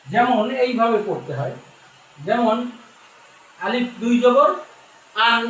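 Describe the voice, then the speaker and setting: A man's voice: very high-pitched, a bit bright, recorded from a distance. Male Quran teacher with a Bangladeshi Bengali accent, patient and repetitive, recorded from afar in a very echoey room with faint background noise. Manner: patient, repeats and spells out each letter. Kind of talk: slow step-by-step recitation lesson.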